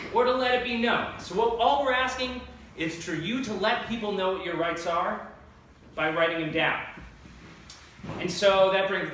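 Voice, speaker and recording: A man in his thirties leading a youth workshop, talking in an energetic, playful, conversational way. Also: high-pitched, slight background noise. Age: 30s. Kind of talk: lively talk to a youth audience. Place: large echoey hall. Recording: echoey hall recorded from far off.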